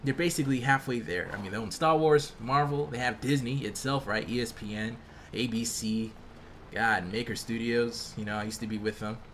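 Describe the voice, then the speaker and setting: A young American man giving casual, slangy, animated commentary as he plays a video game. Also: medium pitch, normal speed, a little hiss or hum. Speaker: gaming video host. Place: indoor room at home, facecam. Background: game music.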